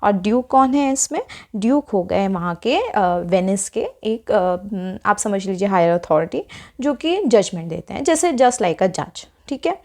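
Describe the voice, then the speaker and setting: A woman teacher explaining a textbook lesson to students at a moderate, middle pitch. She goes through each term step by step, keeps checking in with "okay" asides, and slows down deliberately when she reads the English text. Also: expressive, darkish tone.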